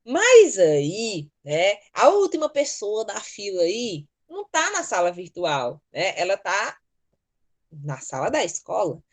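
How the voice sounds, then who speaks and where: Speaking slowly with a mid-range voice whose pitch swoops wildly, a Brazilian teacher with a Brazilian Portuguese accent covers spelling rules online. She goes step by step with patience, talking into a computer mic in her virtual class.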